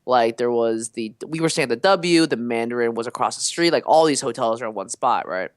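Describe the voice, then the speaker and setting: A young man co-hosting a podcast, telling animated, rambling stories in casual chat with lots of fillers. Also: medium pitch, fairly quick, clear, resonant tone, dry recording, studio quality. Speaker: podcast co-host.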